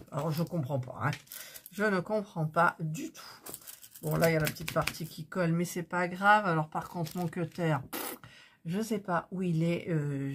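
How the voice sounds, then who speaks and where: A chatty woman with a low voice talks through her crafting at a home desk. She keeps cutting herself off and gets flustered as she works. There is a faint hiss behind her and the odd click. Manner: chatty, self-interrupting, easily flustered. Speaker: craft channel host. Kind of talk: casual chat while crafting.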